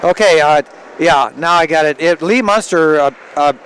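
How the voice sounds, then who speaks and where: Once a wrestler and referee himself, this older man now works as a play-by-play wrestling commentator, his higher-pitched voice moving at a moderate pace. The live radio broadcast, with its casual banter, comes from an indoor arena where loud crowd and venue noise fill the background.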